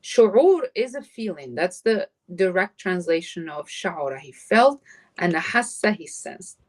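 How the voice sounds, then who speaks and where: Slow-speaking woman teaching Arabic. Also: fairly low pitch, big pitch swings. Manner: patient, explains slowly, mixes English and Arabic. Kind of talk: live online Arabic lesson. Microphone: computer mic on a live stream.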